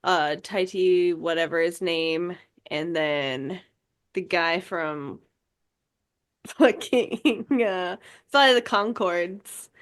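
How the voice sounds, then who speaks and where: A woman's voice: lowish voice, very slow. A woman co-hosting a podcast, talking loosely with many fillers and casual swearing. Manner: rambling, fills with like and um, swears casually. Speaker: podcast co-host. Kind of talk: casual chat.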